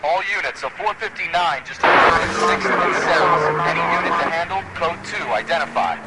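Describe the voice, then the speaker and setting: An actor playing a businesslike American police radio dispatcher in a period game, speaking in clipped, procedural phrases. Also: male voice, fairly high pitch, expressive, a little fast, very noisy, lightly acted. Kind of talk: 1940s police radio acting.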